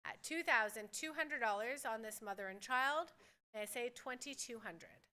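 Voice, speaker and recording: A woman's voice: fairly high pitch, normal speed, sharp tone. A woman working as a fine art auctioneer, calling bids at a live sale in a formal, courteous way and repeating the figures.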